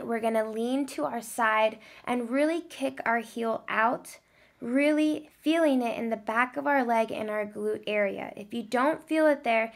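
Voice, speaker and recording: Woman coaching a workout, slightly high voice. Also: gravelly. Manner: encouraging, coaching. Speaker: fitness vlogger. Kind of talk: workout instruction.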